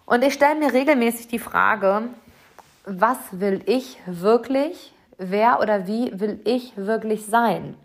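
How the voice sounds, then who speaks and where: A woman giving a motivational talk straight to the listener, earnest and direct, slowing down to stress her questions. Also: a little high.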